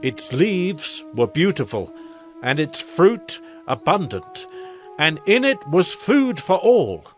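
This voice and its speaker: Grandiose King Nebuchadnezzar, swooping slow delivery. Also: fairly high pitch, very animated, soft background music. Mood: awed recounting. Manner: declamatory, solemn, measured royal delivery. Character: proud, grandiose ancient Babylonian king, awed by wonders. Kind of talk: dramatized audio scripture acting.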